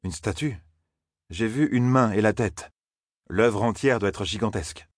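A man voicing a smooth-talking, calculating captain. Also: on the low side, unhurried, dry recording, studio quality, pitched above the performer's own voice. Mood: probing. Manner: smooth, courteous and probing. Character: flattering, calculating male army captain.

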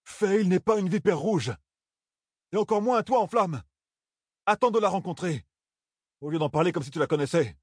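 Man doing an indignant young man, pitched high. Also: expressive, normal speed, darkish tone, breathy edge, dry recording, clean studio sound. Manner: indignant, protesting. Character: earnest young man, quick to flare up.

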